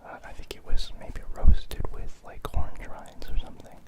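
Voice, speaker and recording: A person whispering softly in a breathy, unvoiced hush, musing casually and a little hesitantly as the host of an ASMR product unboxing. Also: moderate pace.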